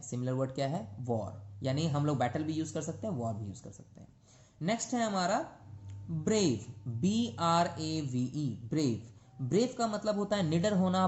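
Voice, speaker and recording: A man's voice: a little high, a little mellow, reverberant. A male teacher giving a classroom lesson on vocabulary, patiently repeating words and spelling them letter by letter, switching between Hindi and English.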